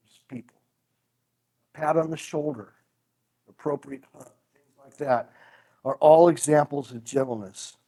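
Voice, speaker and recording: A man's voice: medium pitch, darkish tone. A middle-aged man preaching a conversational sermon, chuckling as he acts out example phrases.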